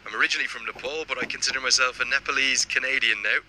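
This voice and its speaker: A man's voice: medium pitch, fairly even intonation, rapid-fire, pushed and bright, poor audio. A man giving live cricket commentary and reading out viewer messages. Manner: reads viewer messages aloud.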